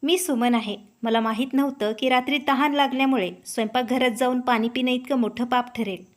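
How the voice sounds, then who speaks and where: A woman voicing a humble, heartbroken elderly mother who speaks softly. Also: on the high side, fairly even intonation, a little fast, lightly acted. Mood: sorrowful. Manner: soft, gentle speech.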